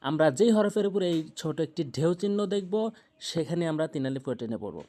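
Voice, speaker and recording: Man teaching slow, drawn-out Quran recitation. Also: fairly high pitch, lively intonation, warm tone. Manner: slow, drawn-out recitation alternating with plain explanation. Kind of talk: tajweed lesson, spelling and reciting.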